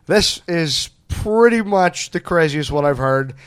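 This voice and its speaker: A man hosts a comedy podcast, chatting casually in a fairly high, smooth, unhurried voice. He laughs often and keeps things animated and jokey.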